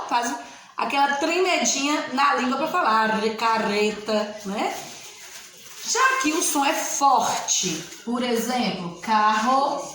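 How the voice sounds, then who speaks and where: A woman teacher giving a slow, patient spelling lesson and repeating each word aloud. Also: sits high, a bit bright, very echoey, low-quality recording.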